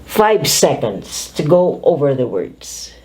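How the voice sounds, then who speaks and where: Older woman, patient pronunciation teacher, low-ish voice, deliberate over-articulated drilling. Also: sing-song, a little mellow.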